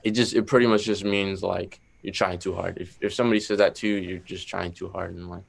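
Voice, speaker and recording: A young man with a Boston accent speaks in a deep, even, almost monotone voice. He is a rapper guest on a podcast and rambles through his answers, leaning on fillers. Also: a little fast, vocal fry. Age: young adult. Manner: laid-back, rambling with many fillers. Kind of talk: casual interview chat.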